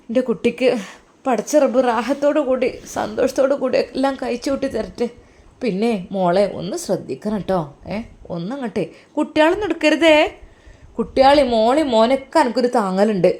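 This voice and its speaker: A woman's voice: fairly high pitch, normal speed, a little mellow, close to an everyday voice. Doting older mother, voiced by a woman. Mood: fondly fussing. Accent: Malappuram Malayalam. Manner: doting, endearments, worried advice. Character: fussy loving older mother, pious.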